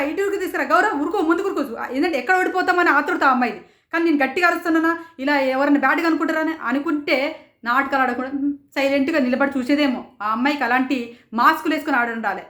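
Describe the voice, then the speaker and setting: A woman reviewing a reality show in rapid, indignant commentary, firing off rhetorical questions. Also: high-pitched, a bit bright, reverberant. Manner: rapid, rhetorical, indignant, quotes others in raised voices. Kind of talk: passionate commentary.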